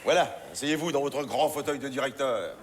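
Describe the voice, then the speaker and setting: A man's voice: mid-range voice, fairly quick, music in the background, natural voice. An older man playing a mischievous old drifter father who proudly shoplifts, in a teasing, theatrical stage delivery. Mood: playful. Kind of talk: stage play acting. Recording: reverberant theater hall, faint ambience.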